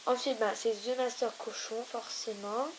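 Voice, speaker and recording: With a fairly high pitch and a measured pace, the young woman hosting a gaming video rambles, teases, and trails off on repeated fillers. She's a gaming YouTuber doing casual let's-play chat, recorded at home with a steady hiss.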